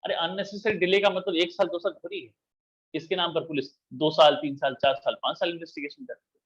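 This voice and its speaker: A man's voice: a little high, fairly even intonation, fast, husky, muffled recording. A man teaching law to a class, explaining step by step and asking and answering his own questions. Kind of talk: classroom lecture.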